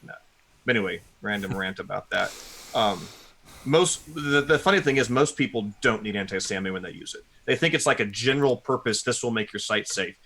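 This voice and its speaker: Bright-voiced ranting podcast man. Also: on the low side, fairly quick, gravelly, breathy edge. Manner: ranting, animated, self-mocking. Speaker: podcast co-host. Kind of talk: casual tech podcast chat.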